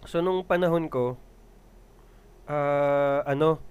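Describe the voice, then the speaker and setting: Smooth-voiced man chatting frankly. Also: on the high side, takes it slowly, a little mellow. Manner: frank, joking, says "pre" often. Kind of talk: casual chat.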